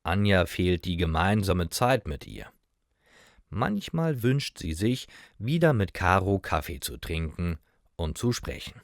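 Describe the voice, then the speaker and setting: Narrating German learning stories, this low-voiced man reads a simple scripted tale for beginners in short, careful sentences. The recording is dry and of studio quality.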